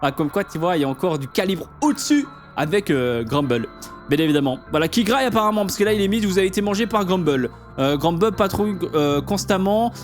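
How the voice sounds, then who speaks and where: A man's voice: high-pitched, animated, fast, faint music behind. A man giving casual commentary on a game, explaining things to the viewer in informal, slangy language. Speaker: gaming video host.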